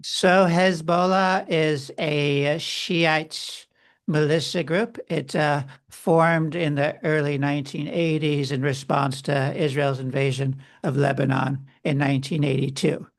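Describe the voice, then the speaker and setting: A man's voice: a little high, little pitch movement, slow pace. A man, a guest author, explaining history and ideas at length in a podcast interview. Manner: explanatory, lecturing.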